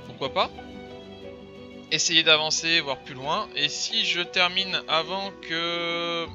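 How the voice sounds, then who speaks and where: Brief: gamer host, chatty and rambling, slightly high voice, lo-fi mic over music. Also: male voice, slow pace. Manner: chatty, rambling, filler-heavy. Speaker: let's play host. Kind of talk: casual gameplay commentary. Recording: dull lo-fi voice over game music.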